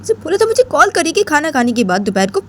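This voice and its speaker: A woman voicing an upset young woman lover who scolds her girlfriend in a shrill, raised voice with repeated questions. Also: big pitch swings, quick pace, a little hiss or hum. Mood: upset, scolding.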